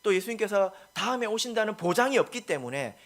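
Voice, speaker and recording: Animated Korean preacher man. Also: high voice, quick pace. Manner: preaching with rising emphasis and many soft "ye" fillers. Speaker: pastor. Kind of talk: sermon.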